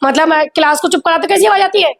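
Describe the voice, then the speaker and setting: A woman's voice: very high voice, fast, vocal fry, fairly bright tone, a little hiss or hum. A woman teacher giving a classroom lesson, constantly quizzing her pupils in call-and-response. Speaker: primary school teacher. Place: school classroom.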